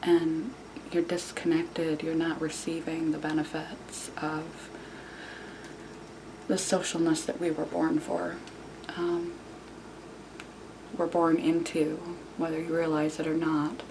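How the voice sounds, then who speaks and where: Clear background noise surrounds a woman talking quietly and hushed, as if at night beside a sleeper. Her voice is low and creaky, and she offers informal self-help advice to viewers in a halting way, repeating words for emphasis. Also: monotone. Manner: hushed, quiet whispering so as not to wake someone. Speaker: video channel host. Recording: clearly noisy room recording.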